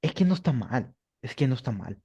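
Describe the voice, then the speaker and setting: A man teaching a beginner English class, explaining patiently and repeating examples slowly. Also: medium pitch, big pitch swings, warm tone, slightly rough. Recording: dull lo-fi sound.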